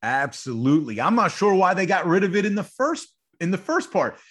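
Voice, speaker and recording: A man's voice: sits high, very animated, fairly quick, fairly bright tone, slightly rough. A man co-hosting a sports podcast, debating in a fired-up, rambling way and repeating himself as he talks. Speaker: podcast co-host.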